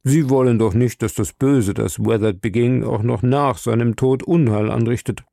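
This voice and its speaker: A man voicing a shrewd, suave investigator who talks in a measured, diplomatic way. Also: medium pitch, gravelly, warm tone, no room sound, studio quality, lightly acted.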